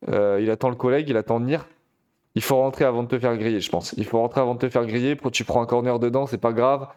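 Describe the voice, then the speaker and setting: A man casting a competitive shooter match live, chatty and excitable, talking straight to his viewers. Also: mid-range voice, quick pace, clean tone. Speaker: esports caster. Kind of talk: live game commentary.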